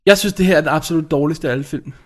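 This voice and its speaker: A man co-hosting a casual film review show, giving blunt opinions in a relaxed way. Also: a little high. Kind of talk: casual chat reviewing films.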